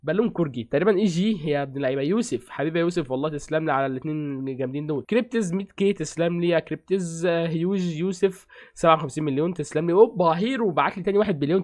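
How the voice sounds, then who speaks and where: Man, Egyptian accent, gaming streamer, chatty rapid-fire commentary, slightly high voice, extremely quick talk. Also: darkish tone. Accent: Egyptian Arabic. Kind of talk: casual game commentary.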